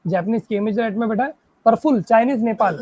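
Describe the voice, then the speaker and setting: A woman teaching a live online reasoning class. She keeps checking whether students follow and praises them, and she reads English questions out slowly before explaining them in Hindi. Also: on the high side, dark tone, no room sound. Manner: checks in constantly, praising and asking if it is clear.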